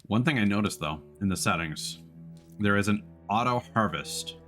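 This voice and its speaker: A male game streamer gives casual live commentary, thinking aloud as he plays. His voice sits on the low side and is expressive, with a sharp tone at normal speed. Faint game noise and ambience run behind him, along with faint music.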